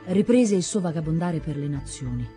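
A woman narrating an audiobook story in a measured, dramatic way. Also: deep voice, expressive, mellow, faint music behind.

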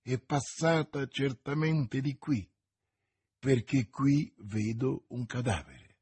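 A man's voice: mid-range voice, takes it slowly, a little mellow, breathy edge. A man voicing a stern, cold middle-aged English lord in an audiobook, speaking in firm, emphatic declarations.

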